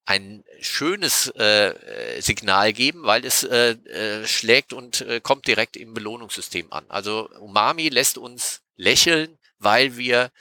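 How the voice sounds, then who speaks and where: A man on a podcast explaining taste science in a patient, lecturing way, often pausing with hesitation sounds. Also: lowish voice, lively intonation, sharp tone, no room sound. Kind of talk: casual explanatory podcast talk.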